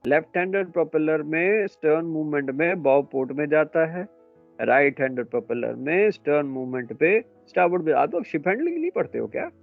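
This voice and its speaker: A man lecturing students in a classroom, brisk and a little scolding as he quizzes them. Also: on the high side, lively intonation, gravelly, narrow, tinny audio, soft background music. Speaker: instructor.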